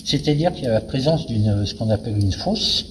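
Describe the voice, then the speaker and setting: A man's voice: medium pitch, animated, fairly quick. Man explaining in a noisy, echoing hall. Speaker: venue director. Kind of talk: spoken interview about a cultural season.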